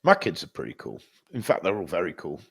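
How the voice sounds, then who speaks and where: A man in his thirties, co-hosting a podcast in casual chat, telling sweary, animated stories. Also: low-pitched, quick pace, creaky, slightly rough. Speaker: podcast co-host.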